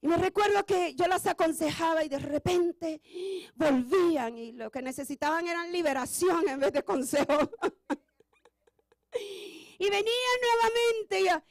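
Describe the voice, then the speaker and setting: A woman pastor delivers an impassioned sermon in a strikingly high voice. Her preaching swells toward shouts. The sound is dry, with no room echo. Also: measured pace.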